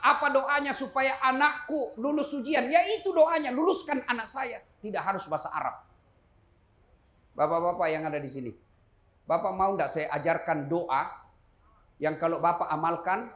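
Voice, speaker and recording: A middle-aged man preaching a humorous sermon to a live audience, swinging from loud, high emphasis to low asides and questioning his listeners. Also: roomy sound.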